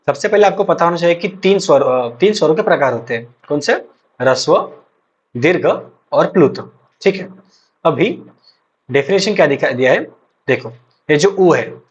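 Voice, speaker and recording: A young man, teaching an exam-prep lecture and repeating points slowly with frequent check-ins. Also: on the high side, expressive, husky. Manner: explains slowly with many repetitions and check-ins. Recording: dull lo-fi recording.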